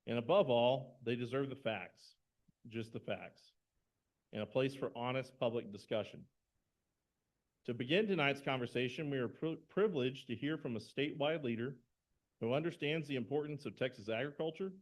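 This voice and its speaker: Formal man introducing a town hall speaker. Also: mid-range voice. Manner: measured and formal, reading prepared remarks. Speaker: event moderator introducing the speaker.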